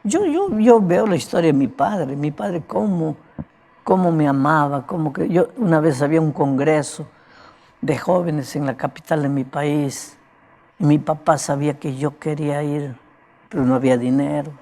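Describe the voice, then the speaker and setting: A man's voice: on the high side, steady tone, normal speed, gravelly, a little mellow. A man delivers a sermon as an evangelist, his voice cracked and broken. He preaches in a conversational way and keeps checking in with his listeners. He is prone to coughing. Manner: conversational preaching, often asking "right?" of listeners.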